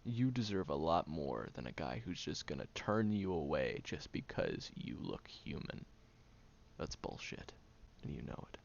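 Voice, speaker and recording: In a low, gravelly voice, a man performs an audio roleplay as a brash, defensive young man who secretly cares, delivering a full character voice. His one-sided dialogue to the listener is blunt and halting, full of grumbling and sighs, on a dull home recording with faint noise.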